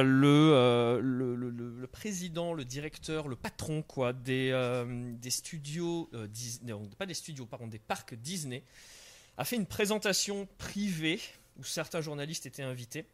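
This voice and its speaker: A man's voice: fairly high pitch, no echo. A young man hosting a live stream in casual chat, full of fillers and restarts. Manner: hesitant, many fillers and restarts. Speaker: stream host. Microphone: studio microphone.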